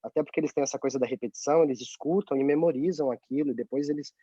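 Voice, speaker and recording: A man's voice: mid-range voice, very fast, breathy edge, no echo. A man with a Brazilian Portuguese accent, a guest talking casually and animatedly in an interview over a video call. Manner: chatty, tag questions, animated. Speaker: guest, journalist abroad. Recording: dry, dull lo-fi call audio.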